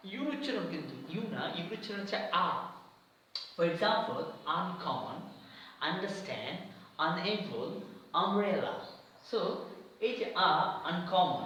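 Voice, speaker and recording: A man's voice: a little high, sharp tone, a little hiss or hum. A man teaching English grammar in a lesson, explaining patiently and repeating each word and sound. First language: Bengali. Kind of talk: explanatory classroom-style lesson. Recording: very echoey room, mic at a distance.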